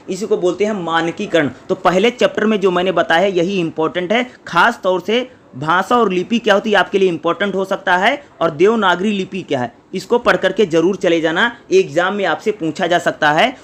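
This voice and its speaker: High-voiced man teaching an exam lesson. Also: fairly bright tone. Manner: repeats questions to the listener and answers them himself; sounds out syllables slowly one by one. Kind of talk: exam-prep lecture.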